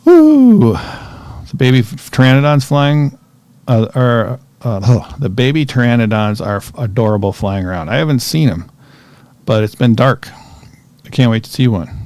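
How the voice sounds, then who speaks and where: A man giving relaxed, chatty commentary while he plays a survival game, talking to himself as he goes. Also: medium pitch, moderate pace, dry recording. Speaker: gaming streamer. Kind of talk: casual gameplay commentary.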